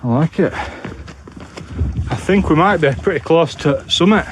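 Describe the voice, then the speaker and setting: Walking over open moorland, this English-speaking man from Bradford, West Yorkshire, talks casually and bluntly in his northern dialect for a solo camping vlog. He speaks slowly in a slightly high voice, and the recording picks up outdoor noise as he walks.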